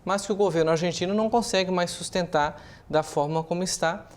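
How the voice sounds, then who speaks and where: A Brazilian-accented man speaks fairly quickly in a high voice, offering opinionated news commentary as a journalist. He explains things in a semi-improvised manner while asking rhetorical questions.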